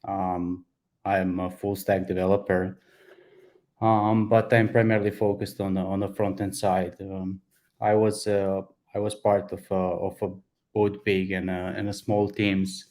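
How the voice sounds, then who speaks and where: Serbian-accented male developer, low and monotone, halting self-intro over a video call. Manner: halting, often repeats words and restarts. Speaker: software developer introducing himself. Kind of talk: online meeting self-introduction.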